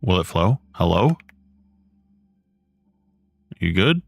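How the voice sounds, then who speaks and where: A man in his thirties chatting casually with his live chat while building, relaxed and rambling. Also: low voice, slow pace, gravelly, husky. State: has the hiccups. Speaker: streamer. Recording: dry close mic, faint music behind.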